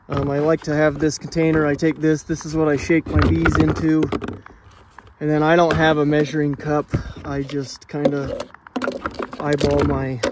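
High-voiced beekeeper man, buzzing bees around. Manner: offhand, thinking aloud while working. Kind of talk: casual how-to narration. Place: outdoor bee yard in a dry field. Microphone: camera mic, speaker moving around. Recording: noisy outdoor recording with buzzing bees. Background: loud buzzing of bees.

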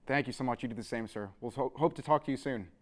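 A man's voice: mid-range voice, fast. A man interviewing a guest and thanking him effusively. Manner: effusively grateful. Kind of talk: interview sign-off.

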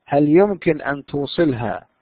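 A man's voice: fairly high pitch, expressive, normal speed, husky, no room sound. A man teaching an English lesson, explaining in with frequent fillers. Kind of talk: bilingual classroom lesson. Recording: tinny phone-like dry sound.

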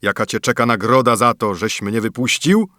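A man voicing a menacing male giant spirit, speaking slowly and loudly in an audiobook fairy tale. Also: dry recording, studio quality, close to an everyday voice. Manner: slow, loud and booming.

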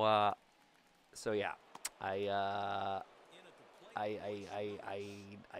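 Jokey and excitable, a thirtysomething gaming YouTuber comments on a baseball video game and bursts into loud yells now and then. He's recorded in a small room at home on a boom-mounted studio mic, with webcam framing.

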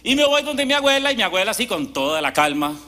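A man preaches a sermon during a church service. His voice sits high and sounds bright and forceful. He tells stories in a lively way, with asides to the congregation. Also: fast talker. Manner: lively storytelling with acted quotes and asides. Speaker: pastor.

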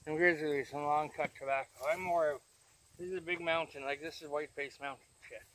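A man's voice: fairly high pitch, steady tone, fairly quick, fairly bright tone, low-quality recording. A worn-out man co-hosting with crude, sweary, rambling banter, recorded outdoors by a camera a few steps away. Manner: crude, constantly swearing, joking. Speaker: co-host of a dip review channel. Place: outdoors on a grassy hilltop. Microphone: camera mic a few steps away. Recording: outdoor camera audio, nature noise behind.

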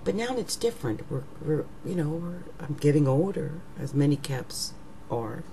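A middle-aged astrologer talks casually to the webcam on her desk in her living room, her voice low, mellow, rough and gravelly with a sing-song quality. She speaks slowly and musingly, often trailing off into near-whispers, with a faint hum in the background.

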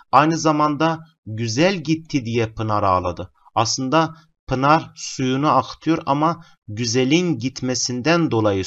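A man's voice: mid-range voice, lo-fi sound. A male teacher working through literature exam questions step by step, calling his students friends. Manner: steady explanatory, addresses students as friends.

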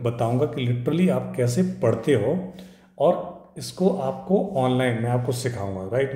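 A man giving an English pronunciation lesson in Hindi, repeating each word slowly and asking and answering his own questions. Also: medium pitch, dark tone, reverberant.

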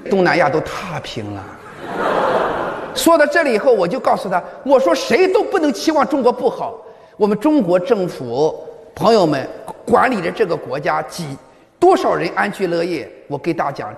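A man's voice: high-pitched, very animated, brisk, vocal fry, a little hiss or hum. Emphatic male lecturer in a reverberant hall. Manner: emphatic, rhetorical questions to the audience. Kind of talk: public lecture.

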